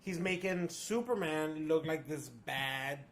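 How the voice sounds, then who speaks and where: A tipsy man co-hosting a casual movie review, rambling in a halting, repetitive, drunken way. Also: fairly high pitch, a bit bright, a little hiss or hum.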